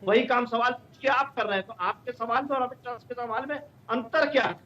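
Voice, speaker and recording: A man's voice: very high voice, steady tone, brisk, sharp tone, dull audio, slight background noise. A man on a debate panel giving a pointed rebuttal.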